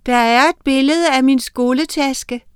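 An eager young schoolgirl from a storybook, quick to point things out , as a woman narrator reads her lines. The voice is fairly high and recorded dry and close. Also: fairly even intonation, clean tone, no echo, lightly acted.

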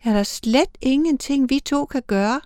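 A woman voicing a timid young angel, high and breathy. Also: no room sound, studio quality, natural voice. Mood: dismayed. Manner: soft, pleading, often breathy or whispering. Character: young newly-appointed female angel, tender and timid.

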